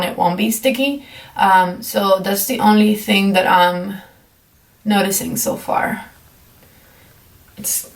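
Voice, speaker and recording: A woman's voice: medium pitch, far from the mic. A young woman talks through her makeup in a chatty, rambling way, her voice still groggy from sleep. She sits back from the mic in a room that rings with echo. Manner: chatty, apologetic, filler-heavy. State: groggy, just woke up. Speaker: beauty vlogger. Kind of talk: casual makeup tutorial.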